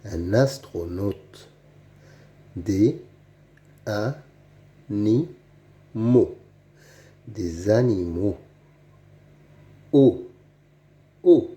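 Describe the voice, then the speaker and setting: Slow, dark-voiced man teaching reading. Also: on the low side, expressive. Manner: repeats each word twice, spelling out sounds letter by letter. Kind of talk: slow, deliberate reading lesson for children.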